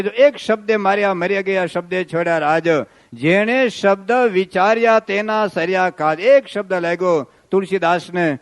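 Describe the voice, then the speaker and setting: A man giving a devotional sermon as a swami, telling stories and breaking into sung verses. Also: high-pitched. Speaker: swami giving a religious discourse.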